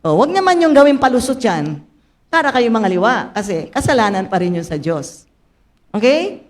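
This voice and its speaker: An older woman pastor with a Filipino accent, preaching a sermon in a church, mixing Tagalog and English, speaking straight to her congregation and rising suddenly into loud, dramatic lines. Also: a little high, big pitch swings, normal speed. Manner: addresses the congregation directly, asking them to raise hands.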